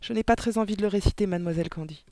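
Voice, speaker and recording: Guy doing a polite smart little girl in an audiobook, high voice, super dry close sound. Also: racing, darkish tone, dry recording. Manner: polite, earnest, matter-of-fact. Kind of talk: audiobook character voice.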